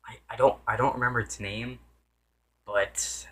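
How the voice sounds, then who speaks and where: A man's voice: medium pitch, fairly even intonation, normal speed, a bit bright, slightly rough. A man giving a casual, unscripted game review, rambling with many restarts and self-corrections and sometimes losing his train of thought.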